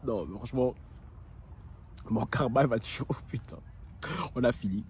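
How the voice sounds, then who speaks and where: A man's voice: mid-range voice, moderate pace, slight background noise. A young man with an Ivorian French accent telling a confessional story, laughing and mocking himself. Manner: animated, laughing, self-mocking. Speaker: gossip vlogger.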